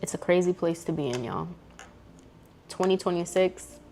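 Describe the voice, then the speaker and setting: A woman's voice: fairly low pitch, moderate pace, mellow, a little hiss or hum. A woman speaking to camera in an earnest, emotional personal faith testimony, casual and full of slang. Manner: earnest, fervent, casual slang-filled talk. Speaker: vlogger sharing a faith testimony. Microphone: camera mic.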